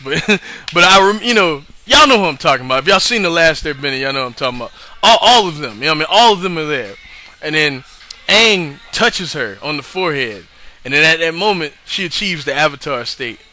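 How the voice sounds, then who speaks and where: Bright-voiced man rambling through a recap. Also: fairly high pitch. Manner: rambling, keeps saying "you know what I mean"; profane, slangy. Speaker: show reviewer.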